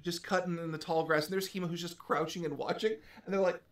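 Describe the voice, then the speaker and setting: A man's voice: fairly high pitch, steady tone, quick pace, a bit bright. A man narrating a tabletop fantasy game as game master, informal and improvising, often repeating phrases.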